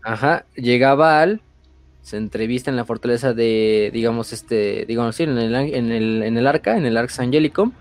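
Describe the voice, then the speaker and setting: A man's voice: medium pitch, moderate pace. Slangy Mexican man retelling a story. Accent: Mexican Spanish. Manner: slangy, animated, lots of fillers. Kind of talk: casual chat retelling lore.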